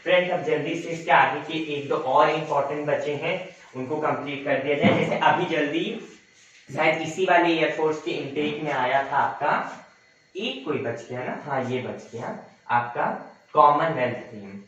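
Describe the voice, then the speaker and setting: A man's voice: fairly high pitch, moderate pace, a bit bright. A young man teaching a coaching lesson, repeating points and correcting himself as he addresses students as friends. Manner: repetitive, self-correcting, addresses viewers as friends. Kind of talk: classroom lecture. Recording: very echoey room, distant mic, dull sound.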